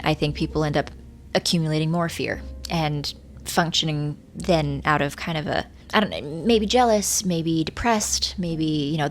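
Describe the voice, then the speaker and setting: A woman in her thirties talking casually and reflectively to her viewers in an earnest, musing way, with rain around her. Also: sits low. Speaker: vlogger. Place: hotel room. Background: rain from a storm, faint music.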